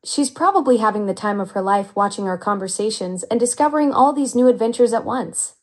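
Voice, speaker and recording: A synthetic woman's voice of an AI chat assistant, upbeat and flattering with smooth, even delivery. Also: mid-range voice, brisk. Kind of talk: conversational AI reply.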